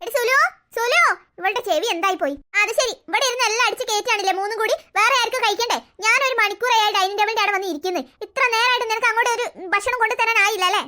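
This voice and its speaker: A woman's voice: very high-pitched, rapid-fire, bright, forceful tone. A woman voicing a cranky, bossy old grandmother in a cartoon, nagging and accusing. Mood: scolding.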